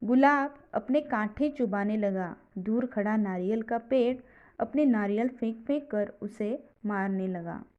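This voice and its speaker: A woman's voice: mid-range voice, unhurried, muffled recording. A woman teacher with an Indian accent who reads a children's story aloud and then explains each line in simple words. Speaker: school teacher.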